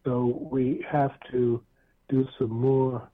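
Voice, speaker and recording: A radio talk show host with a mid-range voice speaks slowly, his pitch barely moving. Relaxed and rambling in a casual interview chat, he uses lots of fillers and restarts and chuckles often, all through tinny lo-fi radio audio.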